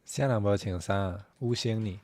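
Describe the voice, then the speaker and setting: A man's voice: fairly low pitch, fairly even intonation, moderate pace, a little mellow. A man from Taiwan streaming a game in casual chat, playful and laughing often.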